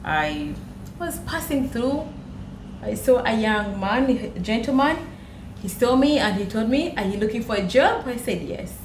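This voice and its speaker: Her voice sits a little high and swings widely in pitch, moving at a measured pace, with a Ugandan accent. This woman from Uganda shares personal stories as a podcast guest, repeating phrases for emphasis, in an echoey room with clear background noise.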